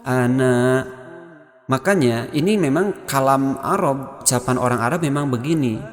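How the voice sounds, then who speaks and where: A man's voice: mid-range voice, normal speed. Indonesian-accented man, tajwid teacher, step-by-step explanation, long reverb, faint background music. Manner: explains step by step, chants Quran verses as examples. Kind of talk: Quran recitation lesson.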